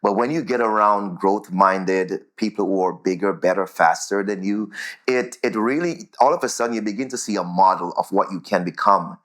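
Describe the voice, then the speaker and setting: A man with a Jamaican accent answers interview questions in a conversational way, repeating words and often checking in with "right?". His voice is lowish and fairly bright, at normal speed.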